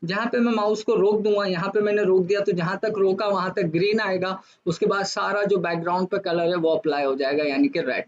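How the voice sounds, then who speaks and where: Man, instructor, high voice, step-by-step software lesson, rhetorical questions, dull lo-fi sound. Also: fairly even intonation. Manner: says he talks fast to fast-forward. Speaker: design instructor. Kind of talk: screen-recorded software lesson.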